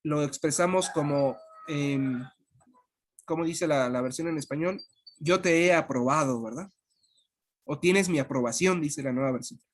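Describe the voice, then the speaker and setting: A language teacher walks through pronunciation in an online lesson, unhurried and deliberate. The voice sits at a middle pitch and repeats each sound with patience.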